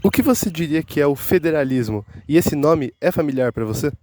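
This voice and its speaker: A young man interviewing people in the street, asking brisk, direct questions. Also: on the high side, expressive, a little mellow, no room sound. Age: young adult.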